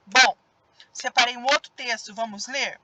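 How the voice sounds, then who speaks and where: A woman's voice: a little high, moderate pace, background noise. A woman teacher with a Brazilian Portuguese accent giving a recorded grammar lesson for children, drawing out stressed syllables as she demonstrates words.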